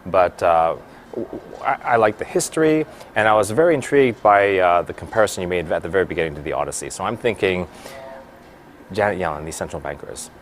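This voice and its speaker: A man interviewing a guest, asking questions in a halting, searching way with many restarts. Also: sits low, lively intonation, a little hiss or hum. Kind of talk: conversational interview.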